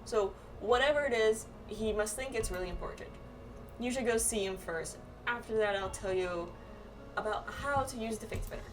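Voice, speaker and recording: A woman whose voice sits on the high side, at normal speed, reads dialogue and reacts casually during a video game playthrough. Clear music plays in the background, and her mic is distant.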